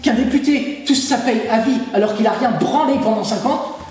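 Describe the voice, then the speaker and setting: A man's voice: extremely high pitch, moderate pace, darkish tone, recorded from a distance. An actor playing a crude, combative male union representative in a parody interview, recorded in an echoey room away from the mic. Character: aggressive male union rep, crude and threatening. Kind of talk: parody web-series interview acting.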